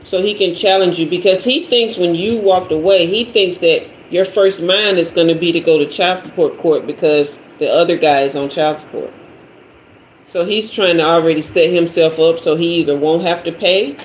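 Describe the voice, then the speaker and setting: With a fairly low voice at normal speed, a woman in her fifties hosts a tarot livestream. She reads comments and talks loosely and conversationally with viewers, full of slang, in a room with echo and faint noise.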